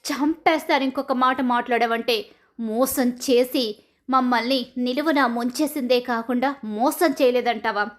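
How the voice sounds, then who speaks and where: Woman doing a high-voiced, angry middle-aged mother-in-law, cutting and threatening. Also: measured pace, natural voice. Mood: furious. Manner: sharp, indignant, threatening.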